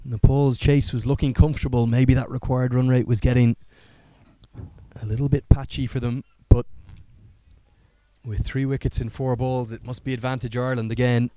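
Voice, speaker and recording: Guy doing live cricket commentary, smooth polished broadcast voice, articulate, really dry close mic. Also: medium pitch, little pitch movement, moderate pace, mellow, dry recording. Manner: fluent, articulate broadcast delivery. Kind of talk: live play-by-play sports commentary.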